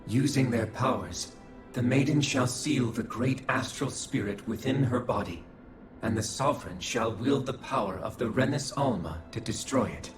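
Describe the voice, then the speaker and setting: An actor voices a cold, calculating male observer in a video game cutscene, speaking formally, clinically, and without feeling in a detached mood. His voice is medium-pitched and close to everyday speech, at a moderate pace. The recording is echoey, with game music behind him.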